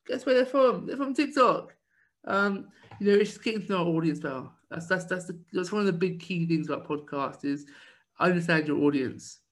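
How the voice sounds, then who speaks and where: A man co-hosting a casual podcast, rambling with lots of fillers as he chats. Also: on the high side. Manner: rambling, with many fillers and restarts. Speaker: podcast co-host.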